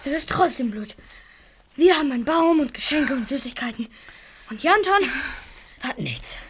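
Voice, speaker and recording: A woman plays a stubborn little boy in a children's radio play, high-pitched and insistent. He repeats his points and digs in his heels. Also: animated, normal speed. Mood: cross. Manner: indignant, insistent, repeats himself. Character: stubborn, kind-hearted young boy.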